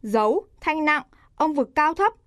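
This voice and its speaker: A woman's voice: high voice, lively intonation, measured pace, fairly bright tone, no room sound, clean studio sound. A woman teaching pronunciation, reading word lists aloud and articulating each word carefully. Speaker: language teacher.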